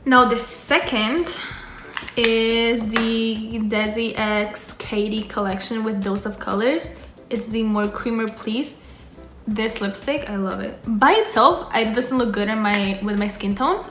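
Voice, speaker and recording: A young Dominican woman, a native Spanish speaker and beauty vlogger, chats casually through a makeup tutorial, dropping the occasional offhand swear. Her voice is a little high and slow, recorded in an echoey room with background music.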